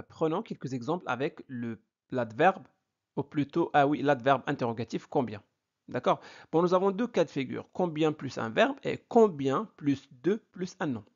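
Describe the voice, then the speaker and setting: Slow, gravelly man teaching grammar. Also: fairly high pitch. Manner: slow and deliberate, repeating examples with exaggerated question intonation. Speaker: French teacher. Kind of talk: grammar lesson. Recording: dull lo-fi recording.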